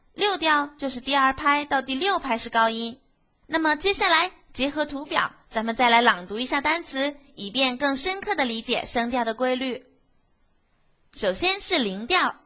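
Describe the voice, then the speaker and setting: A woman's voice: sits high, sharp tone. A woman teaching a beginner language lesson, explaining patiently step by step and asking the class questions. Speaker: Japanese teacher.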